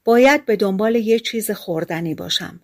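A woman's voice: mid-range voice, lightly acted. A hungry, good-natured tailor mutters his thoughts aloud, in a woman's reading. The voice stays close to plain speech, simple and kindly, in a storybook. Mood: musing. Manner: plain-spoken, muttering to himself.

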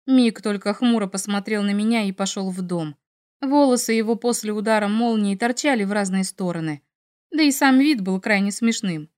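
A woman reading a fantasy audiobook in the first person with a lively, expressive delivery. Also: medium pitch, moderate pace. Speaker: audiobook narrator.

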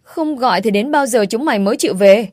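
A woman reading the part of a stern, domineering father-in-law who talks in a gruff, blunt way. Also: fairly high pitch, animated, quick pace, a little mellow, no room sound, clean studio sound.

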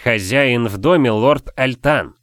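A man's voice: mid-range voice, takes it slowly, a bit bright, clean tone, no room sound, studio quality. Man doing a curt, irritated head cook. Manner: curt, coolly polite.

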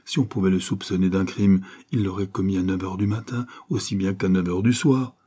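A man reading an audiobook voices a gentle, anxious mother who pleads with her son. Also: sits low, fairly even intonation, fairly quick, husky. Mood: pleading.

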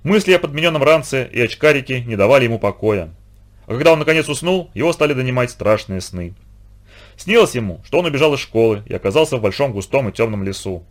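A man narrating a children's audiobook in an expressive storytelling manner. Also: medium pitch, fast talker. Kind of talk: scripted narration.

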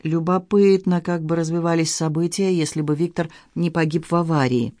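Guy reading an audiobook, kinda high voice, steady pace, dead dry mic. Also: moderate pace, no room sound. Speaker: audiobook narrator. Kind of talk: scripted narration.

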